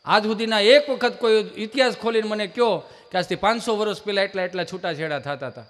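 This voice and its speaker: A man doing live folk comedy storytelling on stage, animated and acting out family characters. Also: high-pitched, fairly quick. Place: live stage event with audience.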